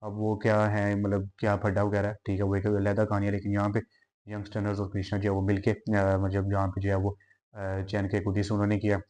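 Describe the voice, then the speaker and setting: A man's voice: fairly low pitch, monotone, a little fast, darkish tone. A man hosting a music reaction video, casually introducing a song, with frequent filler phrases and English words mixed in.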